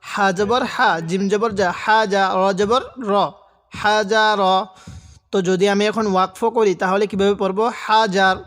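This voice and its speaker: A man teaching Quran reading, spelling out syllables and drawing them out slowly when reciting, with patient step-by-step explanations. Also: high voice, level tone, in a large hall.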